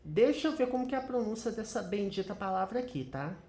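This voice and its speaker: A Brazilian man walks viewers through an English grammar lesson in a chatty teaching voice. His pitch swings up and down, and he keeps checking in with them as he goes. The recording has a noticeable roomy echo. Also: animated, fast talker, vocal fry, dark tone. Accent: Brazilian Portuguese. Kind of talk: screen-share grammar lesson.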